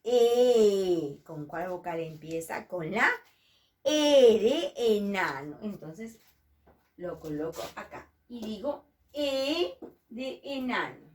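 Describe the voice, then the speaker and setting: Slow sing-song woman teaching young children. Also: mid-range voice, lively intonation, recorded from a distance. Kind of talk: children's lesson.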